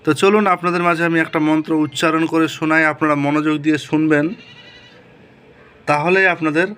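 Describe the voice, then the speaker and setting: Man teaching mantras, slightly high voice, slow measured chanting, keeps checking listeners follow. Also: fairly even intonation, fairly bright tone, clear, resonant tone. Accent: Bengali. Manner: slow, measured chanting when reciting verses; asks listeners if they understood. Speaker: folk healer teaching mantras. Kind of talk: spoken lesson with chanted recitation.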